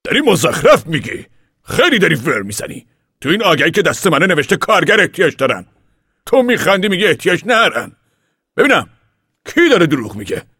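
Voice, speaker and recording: A man voicing a determined older farmer father who speaks loudly and insistently in an audiobook reading. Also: medium pitch, lively intonation, no echo, clean studio sound, voice pushed up, close to an everyday voice. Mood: angry. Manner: loud, insistent, raised voice.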